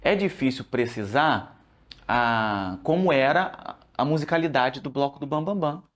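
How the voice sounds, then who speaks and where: A man's voice: mid-range voice, lively intonation, measured pace. A man speaking as a researcher in a documentary interview, explaining at length with frequent restarts.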